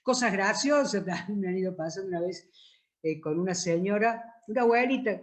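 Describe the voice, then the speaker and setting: An Argentine man, a priest, shares stories at a book presentation. His voice sits high, and he acts out the dialogue as he goes. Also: brisk. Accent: Argentine Spanish. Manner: anecdotal, acts out dialogue with lively pitch jumps. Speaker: priest and author.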